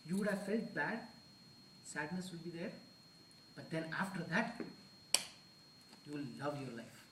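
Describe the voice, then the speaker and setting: Man, earnest temple discourse, higher voice, echoey hall, far from mic. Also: animated, unhurried, fairly bright tone, a little hiss or hum. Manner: earnest, mixes Hindi phrases into English. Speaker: temple speaker.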